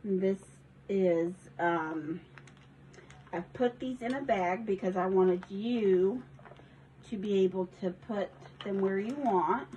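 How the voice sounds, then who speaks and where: A warm-toned Southern woman at medium pitch takes her time showing a handmade journal in her home craft room for a casual vlog. She rambles, restarts, and lets out little giggles. The phone audio sounds dull with a slight hiss or hum.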